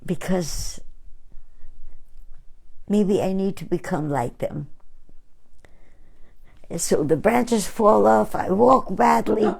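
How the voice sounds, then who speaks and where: Slow-spoken older woman, gravelly and mellow. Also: medium pitch. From Austria. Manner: slow, halting, gentle storytelling. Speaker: host, painter. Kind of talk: casual reflective talk.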